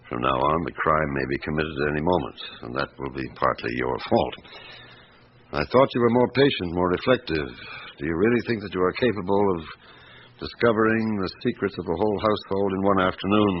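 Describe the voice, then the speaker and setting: An actor playing a seasoned, patient French police inspector in a radio drama, probing in a measured, understated way. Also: male voice, low voice, close to an everyday voice. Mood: measured reading. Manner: measured, deliberate, understated questioning. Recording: dull, noisy old radio recording.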